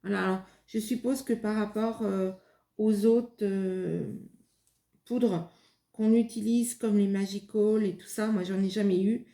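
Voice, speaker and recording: A woman's voice: medium pitch, steady tone, measured pace, mellow. A woman hosting a craft video, talking casually and hesitantly as she demonstrates and tests materials. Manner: hesitant, many fillers and restarts. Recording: echoey room.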